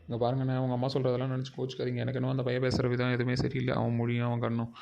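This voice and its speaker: Brief: a man as a torn, hesitant dad, flat gravelly voice, dull lo-fi recording. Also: medium pitch, racing, natural voice. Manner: calm, hesitant. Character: hesitant father of the bride. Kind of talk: comedy skit acting. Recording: dull lo-fi sound.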